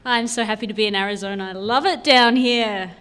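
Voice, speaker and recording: A Sydney woman in her thirties, whose Australian accent carries a slight Canadian tinge, is a guest speaker at a recovery convention. She gives an informal personal talk, candid, lightly humorous and conversational. Her voice sits on the high side, fairly quick, with a fairly bright, clean tone.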